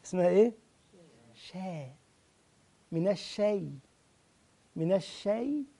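A man with an Egyptian accent teaching Quran recitation, drawing out the verses slowly and breaking into quick, chatty corrections. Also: sits high, creaky, a little mellow. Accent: Egyptian Arabic. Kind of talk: tajweed lesson with slow demonstrations.

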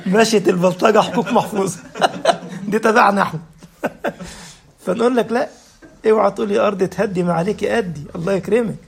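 A man's voice: sits high, fast talker, vocal fry, long pauses. A man with an Egyptian Arabic accent, giving a humorous religious talk as a preacher and laughing through his jokey anecdotes.

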